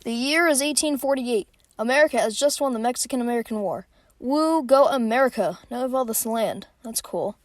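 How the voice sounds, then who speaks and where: A woman's voice: a little high, quick pace, hardly any pauses. A young woman narrating a sarcastic comic history explainer, recorded on a phone. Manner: sarcastic, playful. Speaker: video creator.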